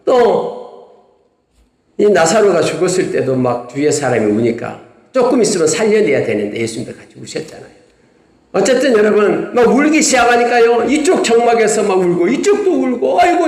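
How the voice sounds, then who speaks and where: A male pastor preaching a sermon, lively and dramatic, acting out the complaints of the people and the words of God. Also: sits high, roomy sound, in a large hall. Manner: animated preaching, voicing the complaining crowd and God.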